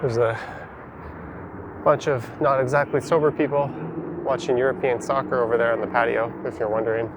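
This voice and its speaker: A man's voice: mid-range voice, fairly even intonation, fairly quick, long pauses. A man casually narrating as he walks around, like a vlogger on location. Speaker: walking tour vlogger. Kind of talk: casual narration while walking. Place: city street and subway station. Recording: clear city background noise.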